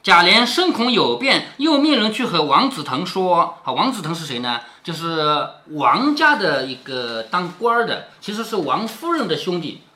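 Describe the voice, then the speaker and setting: A man's voice: sits high, very animated, moderate pace, few pauses, bright, forceful tone. A man reading a classic novel aloud to his daughter, stopping to explain and quiz her with questions. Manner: explains and keeps asking the listener questions. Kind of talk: storytelling with commentary.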